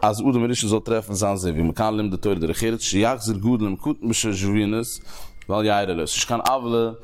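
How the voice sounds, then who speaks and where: Man teaching Talmud in halting phrases. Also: lowish voice. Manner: explains a text in halting phrases, repeating and restarting. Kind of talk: Talmud lesson.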